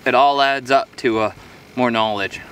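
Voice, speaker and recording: Middle-aged man, easygoing outdoor vlogger, chatty and meandering; bright tone, camera mic set back outdoors. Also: mid-range voice, fairly even intonation, normal speed, clean tone, recorded from a distance. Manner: rambling, easygoing, talking to himself while eating. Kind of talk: casual solo vlog. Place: outdoors on a frozen lakeshore in winter. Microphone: camera on a tripod a few metres away.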